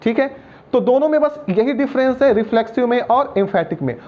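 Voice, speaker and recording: A man's voice: very high-pitched, animated, a little fast, muffled recording. A male teacher giving a patient grammar lesson, repeating each point and checking that students follow. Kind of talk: grammar lesson explaining at a board.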